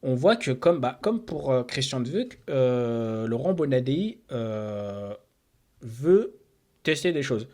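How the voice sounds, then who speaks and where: A man co-hosting a football podcast, reading out a squad list with many hesitant filler pauses. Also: medium pitch, big pitch swings, darkish tone. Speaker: podcast co-host. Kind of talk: casual sports podcast talk.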